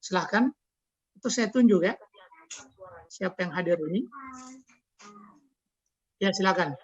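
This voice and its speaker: A man's voice: high voice, unhurried, no echo. A man with an Indonesian accent teaching an Arabic class online, patiently coaxing students to read aloud. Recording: dull lo-fi online call audio.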